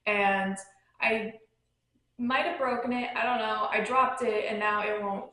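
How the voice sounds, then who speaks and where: A woman's voice: on the high side, fairly even intonation, measured pace, sharp tone. Chatty young woman recorded on a phone. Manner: chatty and rambling, lots of "like" and "um". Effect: recorded on a phone, echoey. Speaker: podcast host. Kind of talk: casual travel chat. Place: at home near her dogs.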